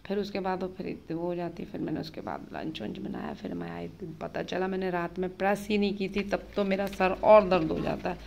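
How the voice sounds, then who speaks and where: A woman in her thirties, a mother, narrating her busy morning in a casual daily vlog, chatty and hurried. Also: fairly low pitch, lively intonation, creaky, a little mellow, slight background noise. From Uttarakhand, India. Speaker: vlogger, mother of two.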